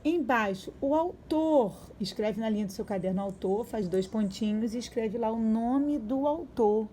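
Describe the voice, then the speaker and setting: A woman teaching young children to read and spell, sounding out syllables slowly and clearly. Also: a little high, animated, mellow, a little hiss or hum. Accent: Brazilian Portuguese. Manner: slow, drawn-out sounding-out of syllables. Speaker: primary school teacher. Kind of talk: remote reading and spelling lesson for young children.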